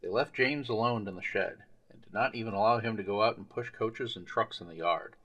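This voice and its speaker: A man narrating a children's railway storybook in an expressive, measured way. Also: on the low side, breathy edge. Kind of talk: storybook reading.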